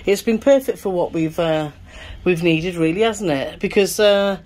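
A middle-aged woman co-hosting a travel vlog tours a cruise ship cabin indoors, chatting casually at a moderate pace. Her voice is fairly low and a little mellow, and she keeps checking for agreement with tag questions.

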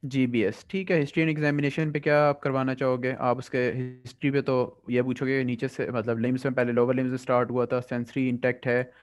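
A man with a Pakistani accent going through medical exam past papers as a tutor. He reads the English questions slowly, then explains quickly in Hindi-Urdu. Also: medium pitch, flat delivery, faint music behind. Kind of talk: past-paper review lecture. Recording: dull lo-fi audio.

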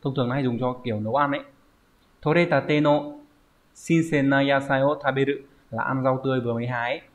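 A man's voice: mid-range voice, steady tone, quick pace. A man teaching a Japanese vocabulary lesson online, explaining step by step and often checking with "right?". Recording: dull lo-fi recording.

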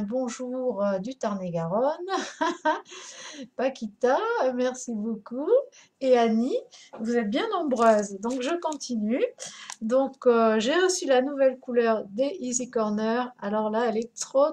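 A woman's voice: fairly high pitch, a little mellow. A woman hosting a craft live stream, chatting casually, greeting viewers by name with many hesitations.

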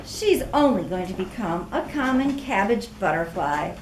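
A woman's voice: medium pitch, sing-song, normal speed, echoey room, a little hiss or hum, pitched below the performer's own voice, natural voice, poor audio. A woman voicing a conceited, catty female caterpillar in a storybook, scornful and full of complaints. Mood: mocking.

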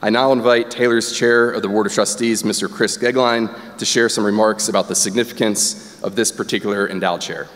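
A man's voice: lowish voice, steady tone, a little fast, hardly any pauses, a bit bright. A man giving a formal, emphatic ceremonial address from a podium as a university official welcoming students. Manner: emphatic, rallying the crowd. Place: large chapel auditorium on stage. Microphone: podium microphone. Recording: long hall reverb with crowd noise. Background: faint crowd.

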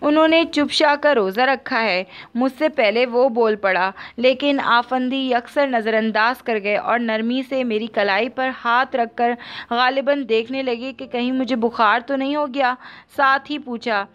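A woman narrating a novel aloud in the first person, steady and even. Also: a little high, measured pace, clear, resonant tone, lo-fi sound. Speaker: audiobook narrator.

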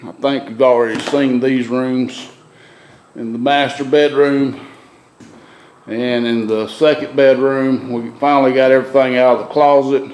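A middle-aged man speaks in a plain, mid-pitched voice as he walks a handheld camera through bare wooden rooms. His talk rambles and restarts in a relaxed, drawling way. He sounds like a homeowner showing off work in progress. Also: measured pace, a little hiss or hum. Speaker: homeowner renovating his farmhouse. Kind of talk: casual walkthrough narration. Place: gutted old wooden farmhouse rooms, indoors. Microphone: handheld camera, filming while walking.

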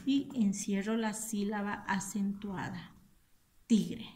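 A woman teacher, giving a recorded lesson to children and slowly repeating and spelling out each word. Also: medium pitch, fairly even intonation, background noise. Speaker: school teacher.

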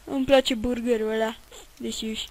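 A woman's voice: a little high, steady tone, a little mellow, rough recording. A woman giving rambling, chatty commentary while playing a video game, swearing at it now and then. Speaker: let's play gamer. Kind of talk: casual gameplay commentary.

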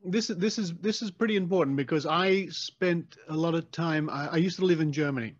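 An Australian podcast host with a somewhat high voice talks a little fast in a casual interview chat, animated and quick to laugh. The recording sounds dry and slightly dull.

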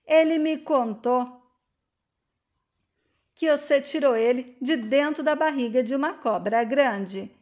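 A woman's voice: high voice, slow, long pauses, darkish tone. A woman voicing a hurt, proud middle-aged rancher's wife, questioning sharply and reproachfully.

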